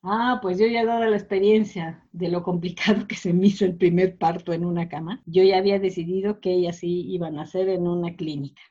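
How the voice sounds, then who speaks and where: A woman's voice: lowish voice, steady tone, brisk, hardly any pauses. A woman shares a personal story in an interview, her speech emotional and full of fillers and restarts. The recording sounds slightly dull and lo-fi. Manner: warm, emotional, many fillers.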